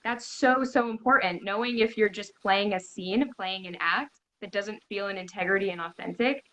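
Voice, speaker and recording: A woman's voice: medium pitch, normal speed, low-quality recording. A woman bodyworker, a guest in a conversational interview, speaking earnestly and with emphasis. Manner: earnest, emphatic, animated when retelling.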